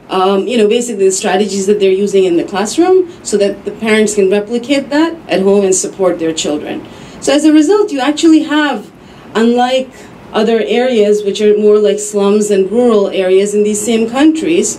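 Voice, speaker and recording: A woman giving a measured, explanatory talk as a speaker at an academic roundtable. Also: mid-range voice, warm tone, slight background noise, poor audio. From United States. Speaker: panel speaker.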